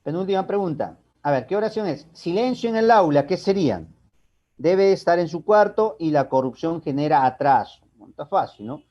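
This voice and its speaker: A man's voice: a little high, lively intonation, normal speed, mellow. A man teaching a language class, explaining step by step and asking and answering his own questions. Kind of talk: recorded online class lecture. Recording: dull lo-fi recording.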